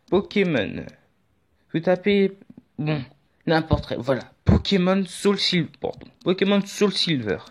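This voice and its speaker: A YouTube tutorial host with a high, darkish-toned voice rambles chattily through a casual tutorial, tossing in jokey asides. The audio is dull and lo-fi, with faint music underneath.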